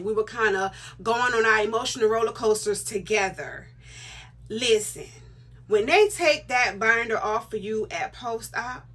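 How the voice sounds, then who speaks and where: A middle-aged woman talks straight to her viewers in a casual vlog. Her voice is bright and forward. She is emphatic and chatty, often repeating a point to drive it home. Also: a little high, husky. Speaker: vlogger.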